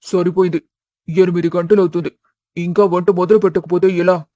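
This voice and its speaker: Lady doing a low loud grumpy grown son, dry close recording. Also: little pitch movement, normal speed, no echo, lightly acted. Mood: exasperated. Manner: exasperated, argumentative. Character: grown man, eldest son, easily riled. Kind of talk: storybook voice acting.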